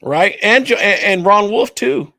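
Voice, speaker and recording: Gravelly, animated man cursing freely. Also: sits high, measured pace, background noise. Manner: profane, animated, laughs often. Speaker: podcast co-host. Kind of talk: casual sports chat.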